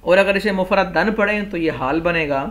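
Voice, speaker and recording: An Islamic scholar with a Pakistani Urdu accent teaches a classroom Arabic grammar lesson in a voice that sits high and sounds a bit bright. He explains step by step, raising objections and answering them himself.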